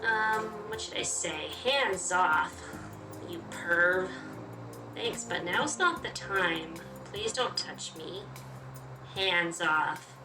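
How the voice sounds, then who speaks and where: Speaking extremely slowly in an expressive voice on the low side, a chatty, reactive woman reads a game's story aloud and comments as she plays, let's play style. The sound is roomy and distant, with game music in the background.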